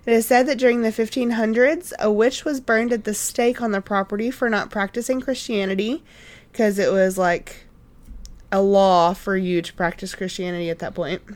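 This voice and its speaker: A woman's voice: medium pitch, steady tone, moderate pace, a little mellow. A woman co-hosting a casual podcast, reading a story from notes with lots of "uh" and "um" fillers. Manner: reads notes with frequent "uh" and "um", easily sidetracked into laughter. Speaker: podcast co-host.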